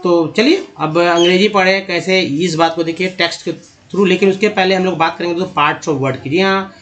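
An English teacher with a high, fairly bright voice gives a pronunciation lesson in Hindi at normal speed. He explains patiently, often restarting or repeating himself, and calls his viewers friends.

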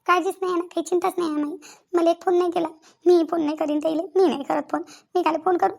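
Give me a woman playing a stubborn young wife, fast and high-pitched. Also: steady tone, vocal fry, a little mellow. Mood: aggrieved. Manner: complaining, repeats herself. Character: sulky stubborn young wife at her mother's. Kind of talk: cartoon voice acting.

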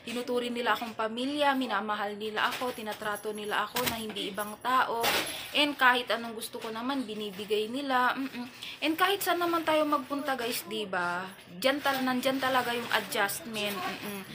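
A Filipina vlogger chats casually with her viewers from her family home, gossiping and rambling with many fillers and restarts. Her voice is on the high side at a normal speed, against a noisy background.

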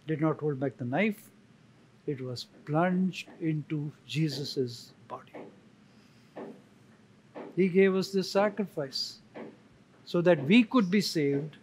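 A man, a church elder, preaching a sermon slowly and emphatically, pausing for effect and repeating key words. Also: on the high side, slight background noise, rough recording. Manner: slow, emphatic, with dramatic pauses and repetition.

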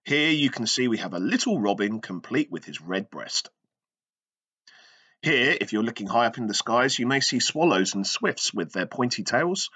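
Speaking in a sing-song, bright, forceful voice of medium pitch with a breathy edge, this thirtysomething man hosts a kids' activity video at a moderate pace. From a small brick-walled room, he jokes and teaches while answering a silent toy puppet, captured by a webcam facing him.

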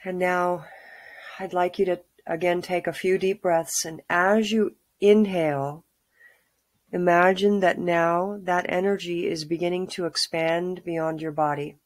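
A middle-aged woman leading a calm guided grounding exercise, giving soothing, unhurried instructions with pauses. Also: fairly low pitch, no echo. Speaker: meditation guide. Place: small room at home, indoors.

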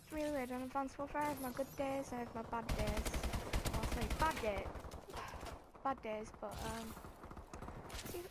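Casting: female gamer, fairly high voice, casual chat over loud game noise. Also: steady tone, normal speed, long pauses. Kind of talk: casual gaming commentary. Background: video game gunfire and clicks.

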